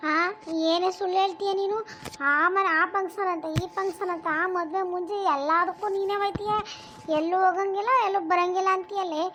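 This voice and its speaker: A woman voicing a shrill, grumbling old grandmother. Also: fairly even intonation, brisk, fairly bright tone, slight background noise. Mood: scolding. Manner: nagging, self-pitying, scolding. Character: grumbling old village grandmother, bitter toward daughter-in-law. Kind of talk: cartoon voice acting.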